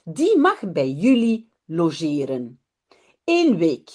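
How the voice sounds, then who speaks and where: A woman teacher voicing a curious, anxious little boy in a children's storybook reading, with her voice rising and falling a lot and a mellow tone. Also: fairly low pitch, huge pitch swings, takes it slowly, pitched below the performer's own voice, heavily acted. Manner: read-aloud childlike questions.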